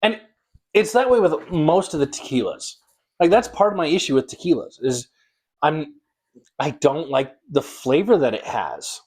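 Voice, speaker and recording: Man co-hosting, wry and teasing, raised pitch that swoops around a lot. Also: lively intonation, moderate pace, darkish tone, slightly rough. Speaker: podcast co-host. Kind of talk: casual chat.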